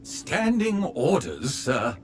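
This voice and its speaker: A man's voice: fairly high pitch, wildly swooping pitch, takes it slowly, full character voice. An actor voicing a polite, fawning male butler robot who speaks formally and calls everyone sir, in a video game. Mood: deferential. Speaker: butler droid.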